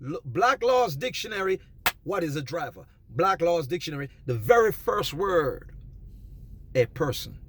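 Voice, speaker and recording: Brief: high-pitched, husky man, very animated preachy delivery, swings between loud and quiet. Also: a little slow, noisy background. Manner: emphatic, preachy, rises to near shouting. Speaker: vlogger giving advice. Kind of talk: passionate monologue.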